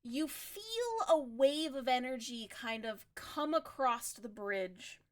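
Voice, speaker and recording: A woman narrating a tabletop game as game master, laughing often between relaxed narration. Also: a little high, takes it slowly.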